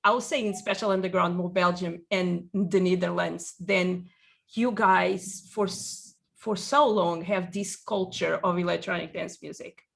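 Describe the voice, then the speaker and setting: A woman asks her guest questions in a casual interview. Her voice has a marked gravelly fry. She feels her way toward each question, pausing to find the right words. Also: lowish voice, fairly even intonation. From Portugal. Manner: searching for words, friendly questioning. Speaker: interviewer, host.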